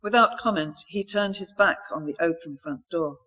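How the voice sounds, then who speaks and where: A woman author reading a mystery novel aloud in a steady, even storytelling manner. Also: fairly low pitch, moderate pace, husky.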